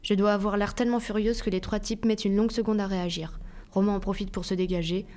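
A woman reading a first-person novel aloud in a plain, even storytelling voice. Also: medium pitch, quick pace. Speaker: audiobook reader.

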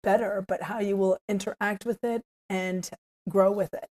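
A woman hosting a conversational interview, her voice hoarse and worn nearly out. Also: medium pitch, fairly even intonation, moderate pace, darkish tone. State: hoarse, voice nearly lost from travel. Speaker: podcast host.

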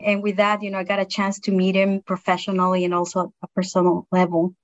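As a guest in a reflective interview, a middle-aged produce industry science manager, not a native English speaker, talks earnestly and with appreciation in a non-native accent. Her mid-range voice moves at a quick pace with completely flat delivery, and the highs are cut off.

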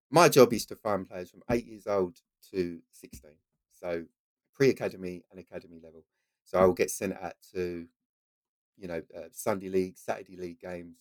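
Low-voiced Essex man explaining his work. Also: dry recording. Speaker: football talent scout and coach. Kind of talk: explanatory interview answers.

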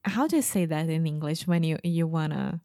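A woman's voice: deep voice, lively intonation, a little fast, warm tone, no room sound, studio quality. A Brazilian woman, a native Portuguese speaker, co-hosting a podcast in careful English, often restarting and searching for words. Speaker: podcast co-host. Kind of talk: casual podcast chat.

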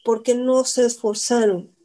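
Lady running a little workshop talk, asks the room stuff, repeats words a lot, high voice. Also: steady tone, unhurried, mellow. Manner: chatty, asks listeners direct questions, repeats words for emphasis. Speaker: workshop speaker. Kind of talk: informal talk to a small group.

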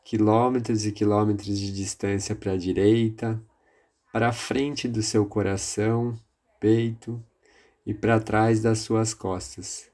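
A man with a Brazilian accent leading a guided meditation in a calm, soothing, measured manner. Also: fairly low pitch. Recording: music behind the voice. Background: music.

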